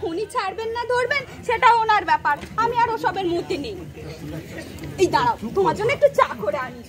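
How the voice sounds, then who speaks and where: A woman playing a young, dutiful daughter-in-law, chattering quickly in an amateur stage play. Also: very high voice, lively intonation, a crowd in the background. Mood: brisk.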